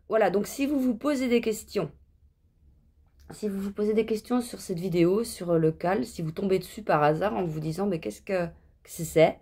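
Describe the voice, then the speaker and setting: A woman's voice: mid-range voice, warm tone. A middle-aged woman chatting casually in a knitting vlog, rambling with lots of fillers and restarts. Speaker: knitting vlogger.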